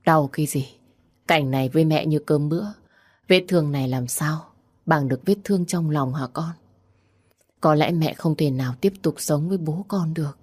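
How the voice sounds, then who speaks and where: A woman's voice: low voice, moderate pace, a little mellow, no room sound, clean studio sound. A woman voicing a weary, battered middle-aged mother who speaks in a tired, resigned way, in a storybook reading.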